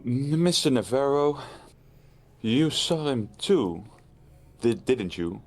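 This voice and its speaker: A man's voice: medium pitch, big pitch swings, takes it slowly, pitched above the performer's own voice. A man voicing a frightened man who stammers and trembles as he admits what he saw. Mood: trembling.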